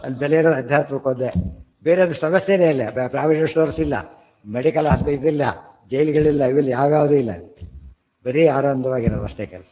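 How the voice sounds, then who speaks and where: A man's voice: fairly high pitch, dark tone. A man giving a scripture lecture, explaining Sanskrit verses in a conversational way, often checking whether listeners understood. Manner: chants verses slowly. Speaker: scripture teacher. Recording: long hall reverb.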